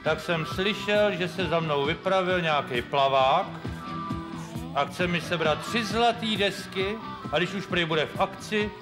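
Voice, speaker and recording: A high-pitched man whines and fusses through a televised cabaret sketch. He talks in vain, exasperated bursts. Music plays behind him. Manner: fussy, whiny and vain, with many exclamations. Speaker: comic actor in a sketch.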